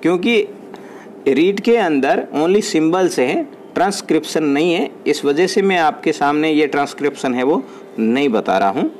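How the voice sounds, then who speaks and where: A man's voice: fairly high pitch, lively intonation, darkish tone, a little hiss or hum. Man teaching English phonetics in Hindi. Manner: reads English definitions slowly, then explains in Hindi. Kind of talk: exam-prep lesson.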